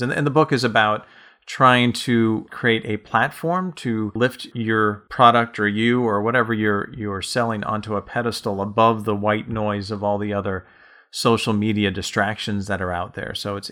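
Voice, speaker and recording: A man with a fairly low voice that still sounds bright and forceful, talking through his writing process on a casual podcast. He tells stories at length and reflects as he goes. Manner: long rambling reflective storytelling. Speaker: author and podcast co-host.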